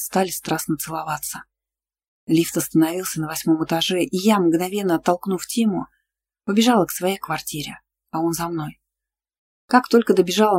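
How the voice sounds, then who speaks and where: An audiobook narrator reading a first-person novel in an even, storytelling manner. The voice sits at a plain, middle pitch. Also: slight background noise.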